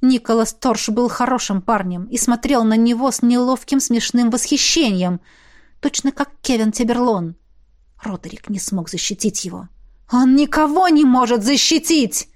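Female audiobook narrator, fairly high-pitched, expressive and dramatic. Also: normal speed.

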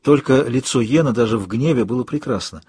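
Male audiobook reader, husky tone, dry close sound, steady read. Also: medium pitch, quick pace, no room sound. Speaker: audiobook narrator. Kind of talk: scripted audiobook narration.

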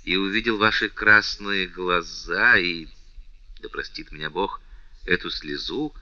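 Lovesick nobleman, read by a man, low forceful voice, restrained and respectful, lo-fi sound. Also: unhurried, dry recording, full character voice. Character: respectful, lovesick nobleman count, calm but tense. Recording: dull, dry lo-fi recording.

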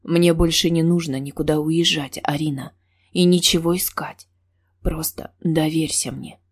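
A woman voicing an intense, brooding young man who speaks in a husky, coaxing low whisper. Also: steady tone, a little slow.

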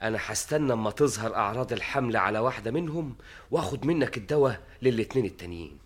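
An Egyptian-accented man playing an impulsive, anxious adventurer king in a theatrical fantasy drama, with an urgent, excitable manner. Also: medium pitch, rapid-fire, breathy edge. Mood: worried.

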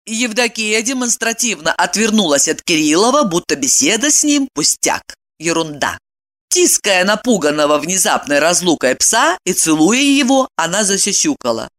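A woman narrating an audiobook in an animated, theatrical way. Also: lowish voice, moderate pace.

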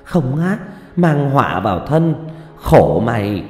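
A man's voice: medium pitch, very animated, unhurried, mellow, echoey room, long reverb tail, faint music behind. A man voicing a poor, grieving old village mother who pleads with her son through tears. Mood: tearful pleading. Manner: tearful, pleading lament.

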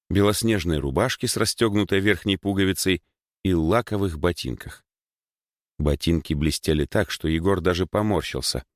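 Deep-voiced male audiobook narrator. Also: dry recording, clean studio sound.

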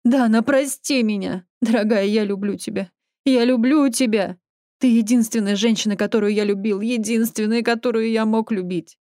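Lady reading as a shaken middle-aged guy in an audiobook, pleading, mellow low-key tone. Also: steady tone, moderate pace, dry recording, clean studio sound, lightly acted. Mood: anguished. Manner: pleading, sobbing outbursts. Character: distraught middle-aged man, grieving husband.

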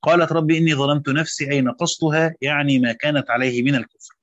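A man, reading a classical Quran commentary aloud and pausing to explain passages. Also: on the high side, steady tone, a bit bright, dry recording. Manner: reads quotes aloud, adds brief spoken asides. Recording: dull dry lo-fi recording.

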